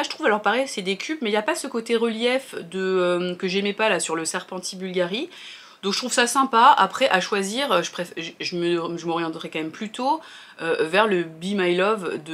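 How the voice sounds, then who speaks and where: A woman talking casually in a vlog review, chatty and hesitant, often pausing on fillers and restarting her sentences. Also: medium pitch, a bit bright.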